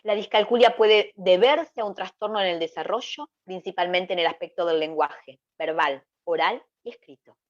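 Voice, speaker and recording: A woman's voice: fairly low pitch, moderate pace, hardly any pauses. A woman giving an online lecture over slides, explaining through rhetorical questions and checking with "¿sí?". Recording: slightly dull lo-fi recording.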